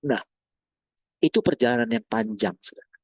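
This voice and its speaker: A man preaching a sermon, calling the listeners brothers and sisters and asking them one rhetorical question after another, swinging between loud and soft. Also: lowish voice, normal speed, slightly rough, no echo.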